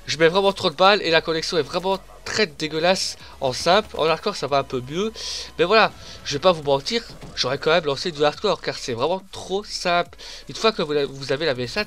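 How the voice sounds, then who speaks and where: A young man with a head cold and a stuffed-up nose chats emphatically over a video game, commenting on his own play. His voice sits on the high side and sounds a bit bright. He's a gaming commentator doing casual voice-over, chatty and emphatic, calling his viewers "les gars".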